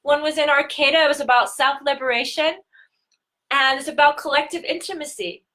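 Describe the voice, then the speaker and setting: A woman tantra teacher hosting a live-streamed talk, speaking earnestly and slowing down on key words. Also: sits high, fairly even intonation, sharp tone.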